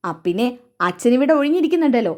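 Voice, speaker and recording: A woman's voice: a little high, big pitch swings, fast, darkish tone. A woman reading the lines of a weary young male college student arguing with his mother. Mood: pleading.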